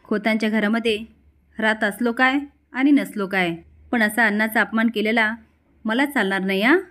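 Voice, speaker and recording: A woman's voice: fairly high pitch, moderate pace, a bit bright, natural voice. A woman reading the lines of a stern elder brother who lectures his sister about respect for food. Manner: lecturing, firm.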